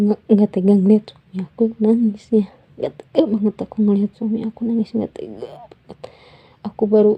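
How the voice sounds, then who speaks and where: Soft-spoken woman with a husky voice. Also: mid-range voice, dull audio. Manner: soft, halting, often near a whisper. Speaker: vlogger. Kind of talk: personal storytelling.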